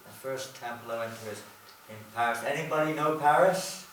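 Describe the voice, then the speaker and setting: A man's voice: medium pitch, brisk, fairly bright tone. An Englishman giving a talk to an audience through a translator, chatty and joking with the crowd. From England. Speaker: visiting speaker. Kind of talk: lecture with consecutive translation. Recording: echoey hall, voice from far off, noisy.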